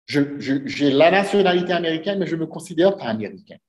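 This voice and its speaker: Fast and with lively intonation, a man whose voice is on the high side preaches to his congregation. He is earnest, poses frequent rhetorical questions, and is recorded in an echoey church sanctuary.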